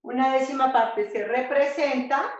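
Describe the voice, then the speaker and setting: A woman teaching a slow, repetitive math lesson to children, often checking that they follow. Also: high-pitched. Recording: echoey dull home recording.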